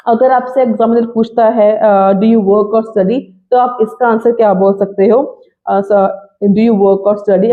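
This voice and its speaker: A woman teacher, explaining step by step in a fairly high voice. The sound is thin and tinny, as if it came down a phone line. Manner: explaining, mixes Hindi and English. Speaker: IELTS teacher. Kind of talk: online lesson.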